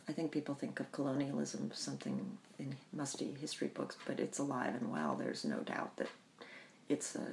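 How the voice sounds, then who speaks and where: Woman from the bahamas, low voice w/ some fry, talks slow n thoughtful, lots of ums, faint hiss. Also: darkish tone. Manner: thoughtful, pausing often with ums. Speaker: interview guest. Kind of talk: reflective personal storytelling.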